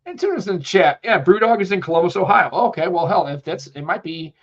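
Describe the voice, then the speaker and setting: This man talks fast in a high, sing-song voice while co-hosting a live tech show, a little congested from a cold. He's from the US and rambles chattily, reading out viewers' comments. The audio sounds dull.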